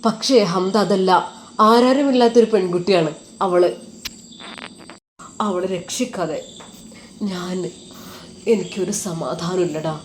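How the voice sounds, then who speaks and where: A woman voicing a lovesick, anxious young man in a storybook tale, speaking softly and tearfully. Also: lowish voice, slow pace, long pauses, a little hiss or hum. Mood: sorrowful. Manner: soft, quiet and tearful.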